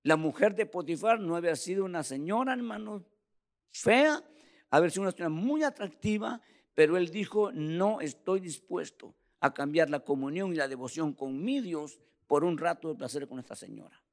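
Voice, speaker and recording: A man preaching a fervent sermon, swinging from hushed passages to loud repeated exhortations. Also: on the high side, lively intonation, fairly quick.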